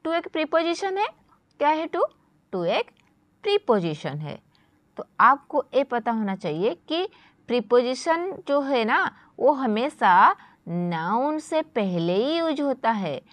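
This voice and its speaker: Woman teacher, lively and somewhat high, dry close sound; drills slow, stressed English examples for her class. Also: no echo. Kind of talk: grammar lesson.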